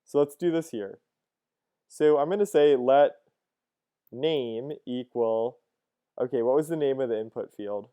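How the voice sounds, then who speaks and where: A man's voice: medium pitch, a little slow, long pauses, mellow, smooth. A man in his thirties teaching a coding lesson over a screen recording, casual and thinking aloud, with fillers and "cool, cool". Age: 30s.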